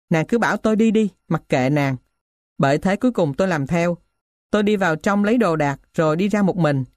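Woman reading a novel in a low, dry voice. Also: a little mellow, dry recording. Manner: conversational, wry narration. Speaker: audiobook narrator. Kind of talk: first-person novel reading.

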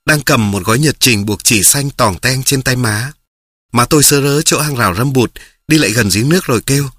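A man reads a first-person memoir aloud in a calm, steady way. His voice is husky and sits at a middle pitch. The recording is close and dry. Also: dry recording. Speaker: narrator. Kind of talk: storybook reading of a memoir.

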